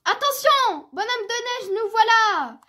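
A woman voicing an excited little male bear cub in a children's storybook, talking in an eager, raised voice. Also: high voice, normal speed, close to an everyday voice.

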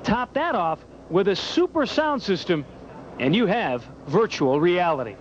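Lively high-pitched man reporter. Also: a little slow, slight background noise. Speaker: TV news reporter. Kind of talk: scripted news voice-over. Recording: muffled broadcast tape with music.

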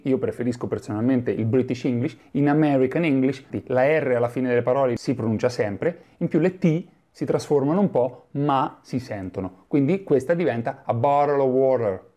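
A man from Italy teaches English in a lively video lesson, modelling pronunciations and chuckling now and then. His voice is mellow and warm, in a middle pitch. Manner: lively, demonstrative, chuckles often.

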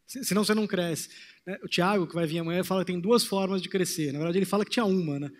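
A man's voice: high voice, very fast. Man lecturing in a reverberant hall. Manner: reflective, gestures while pacing the stage. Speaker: trading course presenter. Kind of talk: motivational talk on stage. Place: large conference hall with audience. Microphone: headset mic.

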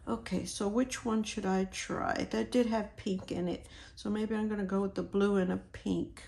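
A hoarse woman talking quietly, almost in a whisper, as she sorts stickers and decorates her planner, chatting casually as she goes. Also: medium pitch, fairly even intonation, normal speed. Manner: quiet, near-whispered, talks while sorting stickers. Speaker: planner vlogger. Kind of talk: soft-spoken planner decorating chat.

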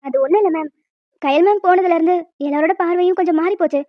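A woman's voice: extremely high pitch, fast talker, no echo. A woman voicing a cheeky, gossipy college staffer. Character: chatty nosy college staffer. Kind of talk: cartoon voice dubbing. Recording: dull dry lo-fi sound.

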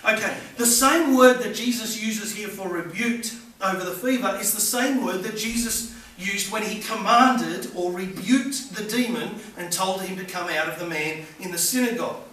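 A middle-aged pastor with a high voice preaches a sermon to a small congregation in a church hall, speaking at normal speed in a pushed, bright tone that grows more earnest and emphatic. He is recorded by a far camera at the back of the room, so the sound is echoey with a faint hiss.

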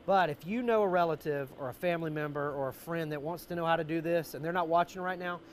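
Jolly, high-pitched American grill-dad host. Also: male voice, fast. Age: middle-aged. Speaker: host, barbecue cook. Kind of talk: live cooking show presentation. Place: outdoor wooden deck. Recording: faint outdoor background noise.

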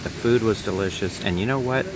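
A man's voice: on the low side, a little fast, a loud crowd. A man in his fifties chatting casually as he vlogs a beachfront restaurant at night, filmed on a phone held at arm's length. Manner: relaxed, chatty, recommending. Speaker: travel vlogger. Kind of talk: casual vlog narration. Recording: noisy outdoor phone recording.

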